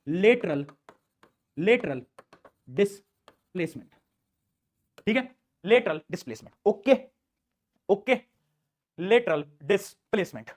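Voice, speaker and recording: Fast-talking high-voiced male teacher. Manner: quick, animated teaching with repeated questions to students. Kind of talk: online class lecture.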